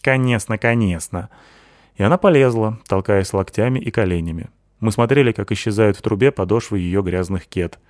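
A man with a deep, low voice narrates an audiobook in a wry, conversational way. The recording is dry and close, with no room around the voice. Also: brisk, darkish tone, dry recording. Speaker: audiobook reader.

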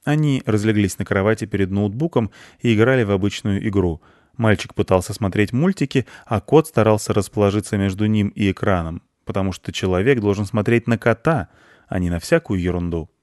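Male audiobook narrator; low, calm, wry, dry close mic. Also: brisk, no room sound. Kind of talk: audiobook narration of a children's story.

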